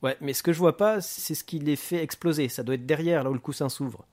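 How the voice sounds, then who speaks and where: A man voicing a calm, laconic male police detective in an audiobook reading, speaking in a dry, understated way. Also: fairly high pitch, fairly quick, voice pushed up, lightly acted.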